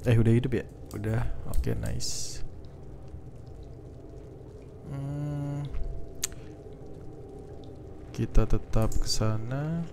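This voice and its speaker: A young man, a gaming YouTuber, casually talking through a let's-play in a relaxed, chatty way, thinking aloud with lots of fillers. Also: medium pitch, very slow, pauses often, background noise.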